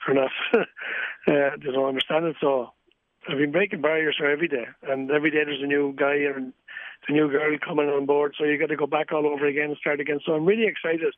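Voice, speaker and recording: A man's voice: on the high side, no room sound. A man with a Wexford Irish accent giving a candid, earnest, reflective interview as a sports coach, repeating phrases for emphasis. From County Wexford, Ireland. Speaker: amateur boxing coach, interviewee. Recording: thin phone-like radio line.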